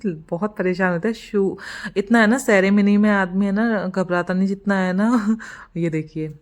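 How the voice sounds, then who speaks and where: A woman's voice: medium pitch, moderate pace, darkish tone. A young adult woman narrating her vlog in a chatty, rambling way, often laughing at herself. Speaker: vlogger. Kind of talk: casual vlog voice-over.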